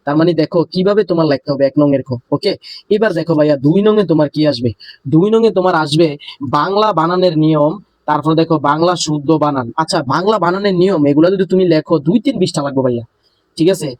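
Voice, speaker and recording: Young male tutor, brotherly and quick, slightly high voice, dry close mic. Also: darkish tone, no room sound, rough recording. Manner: brotherly, repeatedly calls students "bhaiya". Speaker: teacher. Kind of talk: exam-prep tutorial.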